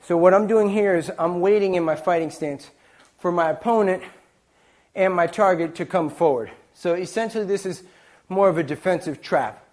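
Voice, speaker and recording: A man's voice: sits high, moderate pace, a little mellow. A man teaching a martial arts technique as an instructor, explaining it step by step in short phrases. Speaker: taekwondo instructor, presenter. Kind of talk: instructional demonstration talk.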